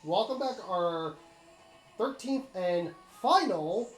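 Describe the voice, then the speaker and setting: A man with a high, expressive voice takes his time as he hosts a casual playthrough of game cutscenes, commenting and explaining things directly to viewers. Game music plays behind him in a roomy, echoing recording.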